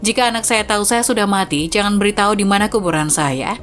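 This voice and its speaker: A woman's voice: mid-range voice, fast talker, a bit bright, close to an everyday voice. A woman reading the lines of a frail elderly mother who begs to go home, in a pleading way, over faint background music. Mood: grieving.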